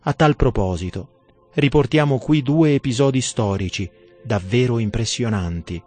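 A man reading a devotional sermon in a solemn, measured and emphatic manner. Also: mid-range voice, dark tone, soft background music. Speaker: religious narrator.

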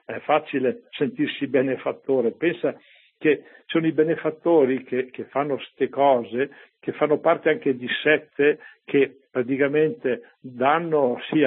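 Husky priest preaching over tinny radio. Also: male voice, medium pitch. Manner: conversational, with rhetorical asides to listeners. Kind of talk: preaching a homily on the readings.

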